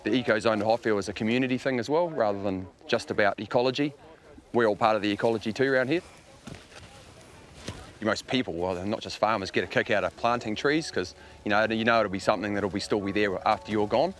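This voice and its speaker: A man with a New Zealand accent, a farmer speaking in a relaxed, reflective and halting way in a documentary interview. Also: on the low side. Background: background music.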